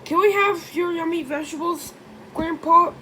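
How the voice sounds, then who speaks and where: A woman's voice: extremely high pitch, moderate pace, bright, forceful tone, pitched above the performer's own voice, rough recording. A woman voicing an eager, cheerful little girl piglet from a children's storybook, exclaiming keenly. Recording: clear background noise.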